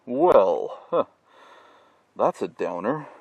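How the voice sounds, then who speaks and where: A slow-witted young masked slasher mopes and wonders in a low, mumbling drawl, as a man acts him out. The voice is husky and unhurried, recorded close and dry for a comedy parody sketch. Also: very animated, dry recording, dull audio, exaggerated voice. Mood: hopeful.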